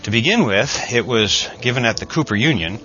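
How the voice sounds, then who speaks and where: An older American man giving a conversational, reflective introduction in a measured storytelling way, like a podcast host. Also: medium pitch, lively intonation, sharp tone, lo-fi sound, faint music behind. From United States.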